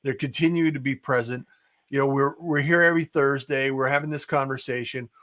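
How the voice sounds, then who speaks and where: A man with a medium-pitched voice hosts a relaxed-format chat show. He speaks conversationally in short, measured phrases, pausing hesitantly as he goes. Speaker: show host. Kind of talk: casual conversational hosting.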